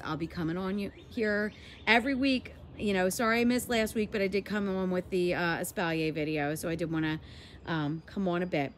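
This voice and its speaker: This garden vlogger, a woman in her forties, has a stuffy, nasal voice on the low side. Chatting enthusiastically and laughing easily, she does a casual walk-and-talk vlog filmed outdoors on a handheld phone, with a little hiss or hum in the audio.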